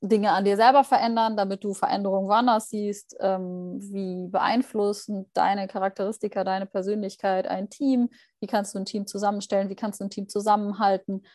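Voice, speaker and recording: A woman's voice: mid-range voice, level tone, normal speed, hardly any pauses, a little mellow, no room sound. Dry-voiced young woman thinking aloud. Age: young adult. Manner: thoughtful, hesitant, many fillers and restarts. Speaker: guest, junior anesthesia doctor. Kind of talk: reflective interview answers.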